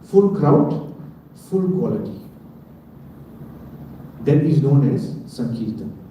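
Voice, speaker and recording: Male preacher, sermon delivery, asks and answers his own questions, dark tone, roomy distant recording. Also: mid-range voice, big pitch swings, takes it slowly, slight background noise. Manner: asks the audience questions and answers them himself. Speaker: preacher giving a scripture class.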